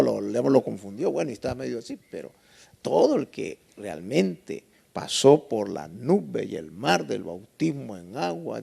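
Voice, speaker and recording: Lively gravelly-voiced male preacher. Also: mid-range voice. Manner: emphatic, with rhetorical questions to the congregation. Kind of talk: Bible lesson sermon.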